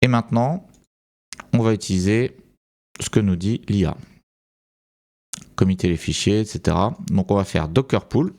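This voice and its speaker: The French-accented presenter of this screen-recorded tutorial has a voice on the low side with a dark tone, speaking at normal speed with long pauses. He thinks aloud as he goes, hesitating and using many fillers.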